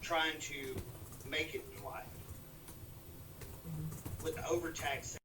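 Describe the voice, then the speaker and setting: A man gives an earnest, halting debate opening statement as a candidate over a video call, his voice cutting in and out on a bad internet connection. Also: a little high, animated. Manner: halting, earnest, plain-spoken. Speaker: congressional candidate. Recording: echoey, distant, noisy call audio.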